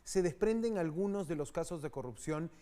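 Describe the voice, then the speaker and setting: A man from Peru anchoring a live news show, talking briskly and conversationally, speaking straight to the viewer. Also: a little high, lively intonation, dark tone.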